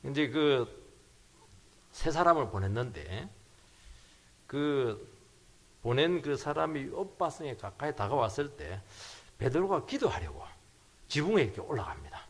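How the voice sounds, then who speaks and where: A middle-aged man, a pastor, preaching a sermon emphatically, his voice jumping from loud bursts down to near whispers. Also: medium pitch, sing-song, a little slow, pauses often, husky.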